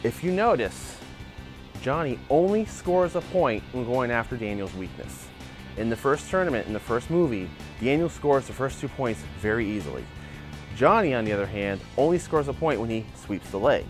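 Standing in a backyard beside a wooden fence, a martial arts channel host in his forties offers opinionated commentary into a lapel mic. His mid-range voice moves at a normal speed over music, and he's animated, gesturing plenty as he argues.

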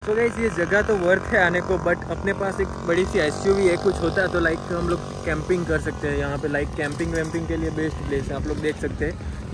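A young man talks casually to his viewers as he walks around a foggy hilltop. His voice sits a little high, and he keeps calling out to the audience in a loose, chatty way. The sound comes from a handheld phone outdoors, with clear background noise behind him. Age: young adult. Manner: chatty, addresses viewers as guys. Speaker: travel vlogger. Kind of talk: casual travel vlog. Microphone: handheld phone at arm's length.

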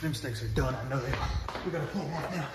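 Quick and medium-pitched, this twenty-something man talks to camera while cooking for his casual vlog, mostly out in a backyard beside the grill. The noisy outdoor sound comes from a phone camera, and he jokes around in slang, repeating his phrases.

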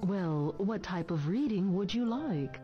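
An actress playing a solemn, mystical fortune teller in a video game, speaking formally and portentously. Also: female voice, mid-range voice, expressive, unhurried, close to an everyday voice. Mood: mysterious. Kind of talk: video game English dub, fortune-telling. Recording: muffled game audio with music.

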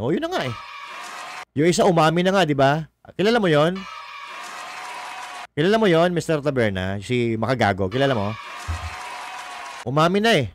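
A man's voice: medium pitch, slight background noise. A man doing casual political commentary on a livestream, mocking and combative, swearing and reading viewer comments aloud. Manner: mocking, combative, swears, laughs at own jokes.

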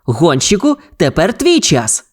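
A woman's voice: low voice, huge pitch swings, unhurried, breathy edge, pitched above the performer's own voice, full character voice. A woman voicing a brave young boy who leads a team of rescue pups, giving upbeat, commanding calls. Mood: eager. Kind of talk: children's audio fairy tale.

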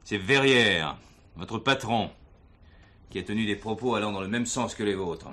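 An actor playing a firm, matter-of-fact police commissioner in 1970s TV drama style. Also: male voice, fairly low pitch, moderate pace, bright, forceful tone. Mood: stern. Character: stern police commissioner, middle-aged, unflappable.

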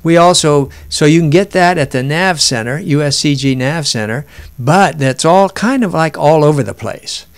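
A man's voice: a little high, expressive, normal speed, clear, resonant tone. A man giving an informal lesson while looking through documents on screen, rambling with restarts and fillers. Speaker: instructor.

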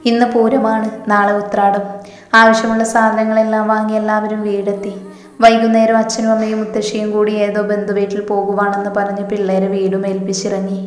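Woman narrating a storybook, flat and echoey. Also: mid-range voice, a little fast. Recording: roomy echo with long reverb.

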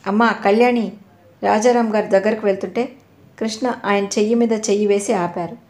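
A woman narrating a novel in a steady storytelling manner. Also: medium pitch, brisk. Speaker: audiobook narrator. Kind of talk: novel reading. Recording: roomy echo.

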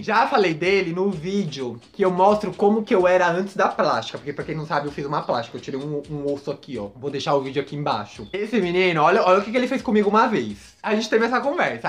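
A man's voice: sits high, sing-song, quick pace, hardly any pauses. Campy gossiping man. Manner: gossipy, dramatic, campy, addresses viewers as "gente" and "menina". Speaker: vlogger. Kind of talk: casual storytelling to camera.

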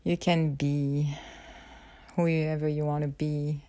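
A woman speaking softly and intimately, right in the listener's ear, guiding a tender visualisation for a partner. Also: low voice, level tone, slow pace, no echo. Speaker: guide of a self-love ritual.

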